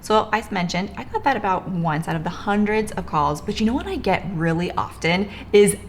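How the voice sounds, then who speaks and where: A young woman co-hosting a coaching talk, upbeat and agreeable, chiming in with quick affirmations. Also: mid-range voice, lively intonation, a little hiss or hum. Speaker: co-host, business coach. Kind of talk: casual teaching chat.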